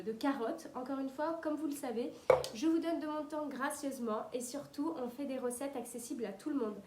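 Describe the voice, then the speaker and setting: A woman's voice: high voice, noisy background. A woman hosting a live cooking stream, chatty and upbeat, greeting viewers and reading their comments as she works. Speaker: cooking host. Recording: echoey kitchen with clattering utensils.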